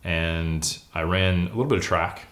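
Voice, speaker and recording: A forty-year-old American man from California, a bodybuilder and academic, appears as an interview guest and tells personal stories in a casual, candid, self-deprecating way. His voice sits low and moves at normal speed, with a slightly bright sound.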